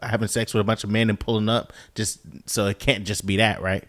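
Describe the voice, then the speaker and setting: A man co-hosting a podcast, chatting in an easygoing, reflective way and often filling in with a quick "mm-hmm.". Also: lowish voice. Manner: easygoing, reflective, steady backchannel. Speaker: podcast co-host. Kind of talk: casual chat.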